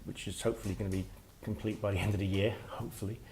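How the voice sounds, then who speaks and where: A middle-aged man speaks at a writers' workshop in a somewhat low voice. His delivery is reflective and halting, with pauses and restarts as he works out his thoughts aloud. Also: flat delivery, a little mellow, a little hiss or hum. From Wales. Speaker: author and guest speaker. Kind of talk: workshop talk. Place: workshop room with listeners.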